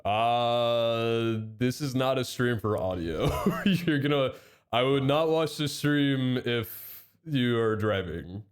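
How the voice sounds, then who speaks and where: He speaks slowly and smoothly at a medium pitch, a young streamer whose head cold leaves him a little nasal. Chatty and eager, he reads out the chat and gives thanks to subscribers during his live stream.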